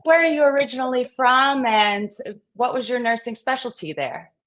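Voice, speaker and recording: A woman's voice: sits high, normal speed, a bit bright. A woman hosting a live stream, upbeat and welcoming as she greets viewers and guests. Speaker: host.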